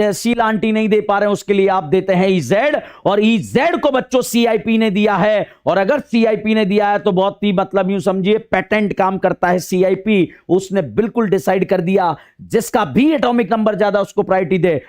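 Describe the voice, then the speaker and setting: A man teaching a chemistry lecture in a playful, sing-song way, teasing his students and slowly stretching out key words on his phrases. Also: sits high. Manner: addresses students with teasing nicknames.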